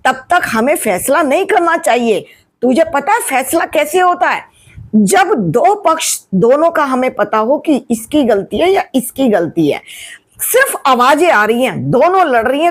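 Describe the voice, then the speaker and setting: A woman in her sixties, a retired teacher, gives patient family advice, asking questions and answering them herself. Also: high-pitched. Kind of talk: explanatory family advice talk.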